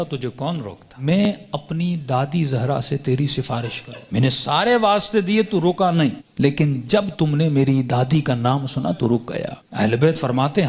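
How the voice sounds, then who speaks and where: A man's voice: mid-range voice, gravelly, darkish tone, husky. A male preacher telling a story in a sermon with passion, acting out the dialogue as he goes. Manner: impassioned, acting out quoted dialogue.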